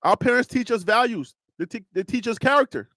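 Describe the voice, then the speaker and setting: Speaking a little fast, a man with a Liberian accent runs a live stream and argues his points emphatically, teasing and firing off rhetorical questions. It's casual commentary in an animated voice that rises in pitch during arguments, captured as a dry recording.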